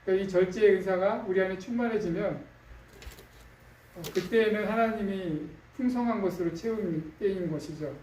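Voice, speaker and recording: A male pastor's high voice, dark in tone and at normal speed, carries a conversational sermon full of fillers and questions to the congregation. Recorded in an echoey church sanctuary on a distant mic, it has slight background noise.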